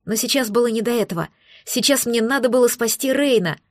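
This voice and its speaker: A woman narrating a first-person fantasy novel, steady and tense. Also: a little high, fairly quick, dry recording, studio quality. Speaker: audiobook narrator.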